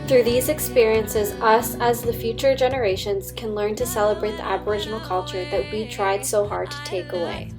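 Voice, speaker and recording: Young woman, earnest documentary read, music underneath. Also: medium pitch. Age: young adult. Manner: earnest, read-aloud delivery. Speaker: student narrator. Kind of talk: scripted documentary narration.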